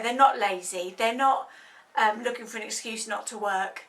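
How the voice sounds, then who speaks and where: Earnest and informal, a thirty-something health advocate walks through an illness, hesitating often with ums. Her slightly high voice comes across pushed and bright, recorded far from the mic.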